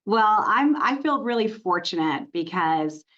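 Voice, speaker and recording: A woman's voice: mid-range voice, animated, a little slow, a bit bright. A woman from Montreal, Canada speaks as a podcast guest, recounting her career in an easy storytelling way full of "you know" fillers. Her audio sounds somewhat dull and lo-fi. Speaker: corporate communications executive, guest. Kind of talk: podcast interview.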